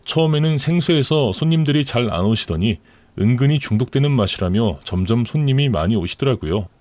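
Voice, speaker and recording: A man narrating a dramatic true-life story for radio, calm and matter-of-fact. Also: medium pitch, a little fast, no echo.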